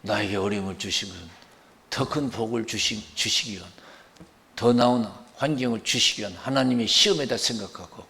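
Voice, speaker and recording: A male pastor delivers a sermon in a church sanctuary, his gravelly voice carrying a long hall reverb. He preaches emphatically, rising to loud outbursts and then sinking to hushed asides. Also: lowish voice, a little fast.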